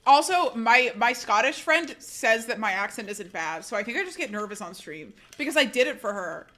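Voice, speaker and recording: At a moderate pace, a woman talks to her livestream viewers with a slightly high, expressive voice that's bright and forceful. She's chatty and self-deprecating, often laughing and reading chat out loud.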